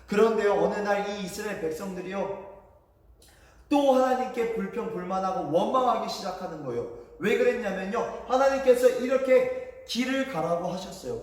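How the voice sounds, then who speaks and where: Man, children's sermon, high voice, storytelling, distant, big echoey hall. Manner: storytelling to children with lively quoted pleas. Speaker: children's ministry preacher. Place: church hall.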